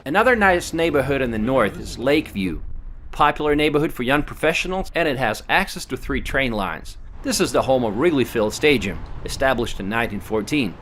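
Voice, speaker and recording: A man from Russia reading a scripted voice-over for a travel vlog, in an even, informative tour-guide manner. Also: medium pitch, a little fast, slight background noise.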